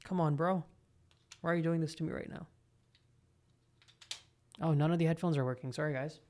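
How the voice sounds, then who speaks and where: A young man hosting a live football watch-along, calling the play with excitable reactions and chatting to his viewers. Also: on the high side, a little fast. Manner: excitable, talks to live chat between play calls. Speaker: live football stream host. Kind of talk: live match reaction commentary.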